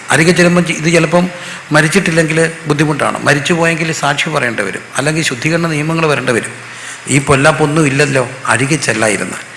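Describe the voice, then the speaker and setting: Gravelly, bright-voiced preacher from Kerala. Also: male voice, mid-range voice. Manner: asks the congregation questions and has them answer aloud. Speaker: pastor. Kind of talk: sermon. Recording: echoey hall with long reverb, faint noise.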